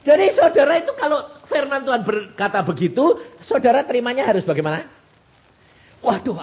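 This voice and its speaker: A man's voice: sits high, a little hiss or hum. Elderly male preacher, Javanese accent, wildly swooping raised voice, dull lo-fi recording. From Central Java, Indonesia. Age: 80s. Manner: animated, asks the congregation rhetorical questions. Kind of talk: sermon.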